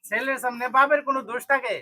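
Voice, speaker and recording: A man's voice: very high-pitched, flat delivery, rapid-fire, sharp tone, no room sound. A man playing a stern bystander who scolds and lectures a son in an amateur street drama. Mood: scolding. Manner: scolding, preachy, emphatic.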